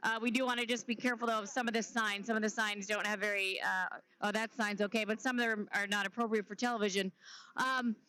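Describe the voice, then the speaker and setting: A woman's voice: medium pitch, fairly even intonation, pushed and bright, smooth, low-quality recording. A woman reporting live from a street march, talking casually with fillers and a little out of breath. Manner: conversational, halting with fillers. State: slightly out of breath. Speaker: field reporter. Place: outdoors on a city street during a march.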